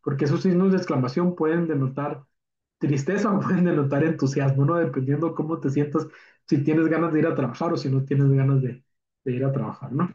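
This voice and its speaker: A man's voice: on the high side, fairly quick, dark tone. A man, teaching a punctuation lesson in an informal, chatty way, using many fillers and tag questions. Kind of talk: recorded spelling and punctuation lesson. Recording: dull, echoey classroom audio.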